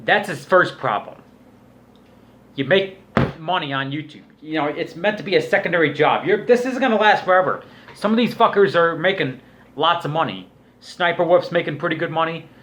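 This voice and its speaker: A man's voice: a little high, moderate pace, a bit bright, a little hiss or hum. A man giving a casual, rambling commentary rant as a vlogger, in a crude, scornful, swearing manner. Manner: crude, profanity-laden, scornful. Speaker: YouTube vlogger.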